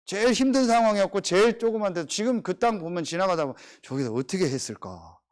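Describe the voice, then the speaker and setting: A man's voice: high-pitched, quick pace. A middle-aged male pastor preaching a sermon, telling everyday stories and repeatedly firing rhetorical questions at the congregation. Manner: animated, rhetorical questions, storytelling.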